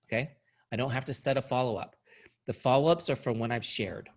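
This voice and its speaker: With vocal fry in a mid-range voice and a slightly quick pace, a middle-aged man leads a sales training talk. As the company's founder and trainer, he's upbeat and coaching, says "right?" a lot, and is starting to lose his voice.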